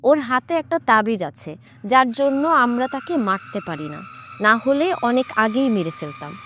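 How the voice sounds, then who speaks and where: A woman voicing an angry male jinn possessing a young man in a horror audiobook, shouting threats and later pleading tearfully. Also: fairly high pitch, animated, normal speed, slight background noise. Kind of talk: audiobook character voice.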